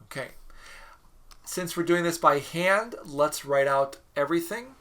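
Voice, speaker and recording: A man's voice: a little high, animated, measured pace, a bit bright. A man teaching a recorded math mini lecture, working problems aloud in a chatty, joking way. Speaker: math instructor.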